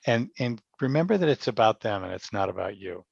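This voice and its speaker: With lively intonation and a slightly quick pace, a mid-pitched, gravelly-edged man talks about his approach as a guest on a podcast, where he's introduced as a radio theatre director. He chats conversationally and keeps rephrasing. The recording sounds dry and slightly dull.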